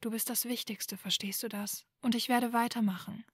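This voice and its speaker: A woman reading the lines of an earnest young witch who pleads softly in a fan audiobook. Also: on the high side, steady tone, normal speed, slightly rough, no room sound, clean studio sound. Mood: pleading.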